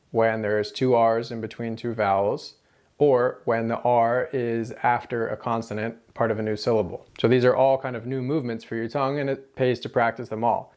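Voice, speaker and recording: An American man gives a casual pronunciation lesson at a middle pitch. He explains step by step and demonstrates tapped and rolled R sounds, repeating syllables and example words as he goes. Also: a little mellow. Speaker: language teacher.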